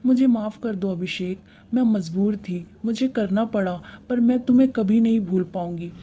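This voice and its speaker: A man voicing a guilt-ridden young bride who pleads softly, in a storybook tale. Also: sits high, moderate pace, slight background noise, pitched above the performer's own voice, close to an everyday voice. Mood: pleading. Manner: pleading, soft.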